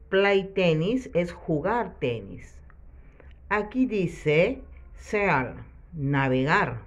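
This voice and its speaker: Slow, low-voiced woman teacher, muffled recording. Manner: repeats each word then translates it. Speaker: English teacher. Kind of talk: slow, patient classroom instruction.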